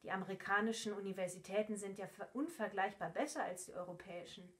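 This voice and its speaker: A woman reading the part of a gruff grown male ship's stoker who talks bluntly and matter-of-factly. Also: mid-range voice, fast talker, natural voice.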